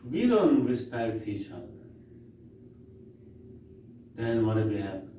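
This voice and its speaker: A man lecturing in English with a Korean accent, his mellow voice sounding distant in a very echoey room with faint background hiss. He tells stories in a loose, conversational way, often restarting his sentences. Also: fairly low pitch, big pitch swings. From South Korea. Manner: anecdotal, conversational, halting restarts. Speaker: professor. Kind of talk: university lecture. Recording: echoey room, far from mic, faint noise.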